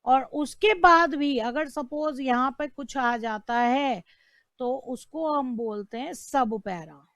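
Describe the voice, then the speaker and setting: Female law teacher, high voice, slow deliberate delivery, dry close sound; quizzes students with rhetorical questions. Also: a bit bright, no echo. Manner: asks rhetorical questions and repeats key terms. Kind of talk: online lecture.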